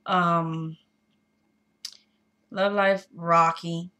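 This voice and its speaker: A woman in her thirties speaking candidly to her viewers in a personal vlog, pausing often with fillers. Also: on the low side, level tone, sharp tone. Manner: halting, with many pauses and fillers; candid, addressing viewers directly. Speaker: vlogger.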